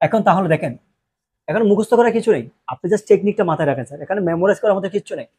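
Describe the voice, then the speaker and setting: A man's voice: high voice, lively intonation, racing, darkish tone, slightly rough. A Bangladeshi man teaching English grammar in Bengali, who keeps asking questions and answering them himself, with joking asides. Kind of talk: classroom lecture.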